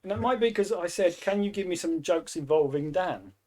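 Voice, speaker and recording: Brief: male podcast co-host, slightly higher voice, wry and teasing, builds up jokes dramatically. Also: expressive, brisk, a little mellow, slight background noise. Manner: wry, mock-dramatic build-ups, swears freely. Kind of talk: casual banter.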